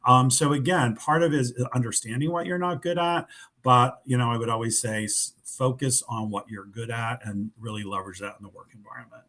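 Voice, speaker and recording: A man at a middle pitch hosts an online webinar over a video call. His delivery is informal and loose, with many fillers and restarts. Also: a little fast, fairly bright tone. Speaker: webinar host. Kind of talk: webinar presentation.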